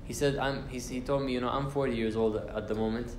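The young teacher speaks fast at medium pitch with fairly even intonation in an informal tafsir class. Set in a university lecture room with a roomy sound and slight background noise, he talks casually, using fillers and restarts, and recites Arabic verses.

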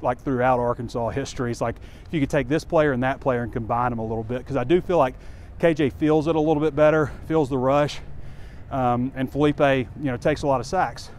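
With a mid-range, darkish voice, a sports site publisher in his forties gives candid, conversational sports commentary that rambles with fillers. He's walking a campus street near a stadium, recording on a phone camera held close, and faint street noise can be heard.

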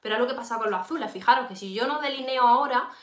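Her voice sits on the high side and she talks very fast, a Spanish woman from Spain doing a laid-back makeup tutorial live from a room in her home. Chatty and direct, she reads viewers' comments aloud and responds as she goes, all in an echoey space.

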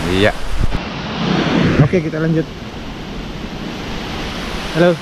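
A man's voice: fairly high pitch, very animated, heavy background noise. A man presenting a casual travel vlog outdoors in a tropical forest, talking enthusiastically to his viewers and exclaiming often. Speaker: travel vlogger. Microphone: action camera. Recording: loud waterfall roar on an action camera. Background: rushing water.

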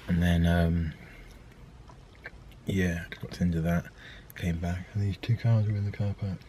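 A mellow, low-pitched male voice with little pitch movement and a moderate pace, recorded with slight background noise. He's a thirty-something vlogger doing a casual daily vlog, hesitant and rambling with frequent ums, camera held at arm's length. Scenes shift from an outdoor park to a car to his home.

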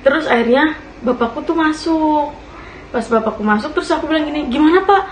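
A woman's voice: sits high, brisk. Chatty young woman telling a ghost story. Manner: chatty, addresses listeners as friends; laughs while telling. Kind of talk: casual spoken ghost story. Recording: echoey room with faint hiss.

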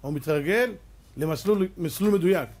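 A man, a rabbi, giving a lively religious lecture, firing rhetorical questions at his listeners and acting out little scenes with sound effects and mock voices. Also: on the high side. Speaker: rabbi giving a Torah class.

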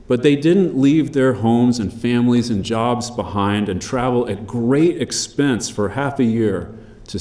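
A man preaching a sermon, measured and emphatic, slowing down on key phrases. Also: mid-range voice, warm tone, reverberant. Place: church.

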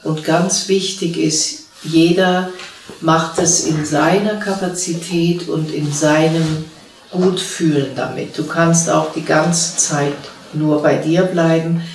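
Slow, calm woman guiding a meditation. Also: deep voice, a little hiss or hum. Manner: slow, calm spoken instructions with long pauses. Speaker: spiritual teacher leading a meditation. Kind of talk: guided meditation. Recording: roomy sound from a distant mic.

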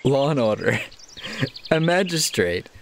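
A man's voice: medium pitch, big pitch swings, slow, vocal fry, a little hiss or hum. A man playing a city-building game, reading its text aloud and muttering building names twice over as he plays. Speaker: let's play gamer. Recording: game music under the voice. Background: game music.

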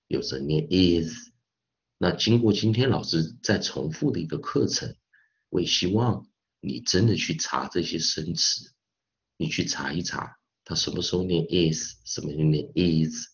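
A male English teacher gives an online phonics lesson. He spells words out slowly and fills his talk with little particles. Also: sits low, vocal fry, muffled recording. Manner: repeats spellings slowly, peppers speech with 啊 and 哦.

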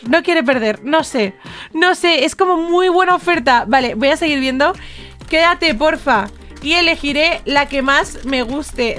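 High-voiced chatty woman gamer. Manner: chatty and animated, reading out trade offers. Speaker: gaming YouTuber. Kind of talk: casual gameplay commentary. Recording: faint background music.

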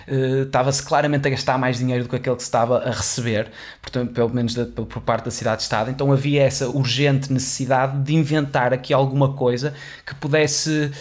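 In a small indoor studio against a dark wall, a young adult host with a European Portuguese accent speaks at medium pitch into a condenser mic on a boom arm, headphones on. He explains finance history for his educational video series in a loose, chatty way, gesturing, with frequent fillers and restarts.

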